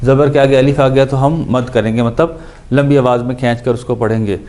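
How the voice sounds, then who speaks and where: A man teaching Quran recitation, patiently explaining and repeating syllables slowly to show how each letter sounds, with English words mixed in. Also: mid-range voice, steady tone, a little mellow. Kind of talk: explanatory lesson on pronunciation.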